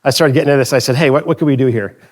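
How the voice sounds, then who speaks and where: A conference speaker from the Philadelphia area in the United States talks quickly in a mid-range voice. He's chatty, tells anecdotes peppered with joking asides, and frequently corrects himself mid-sentence.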